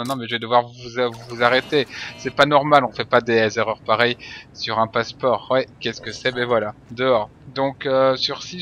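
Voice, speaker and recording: Male let's play commentator, joking mock-authoritarian border-guard act, bright voice, slightly dull recording. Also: medium pitch.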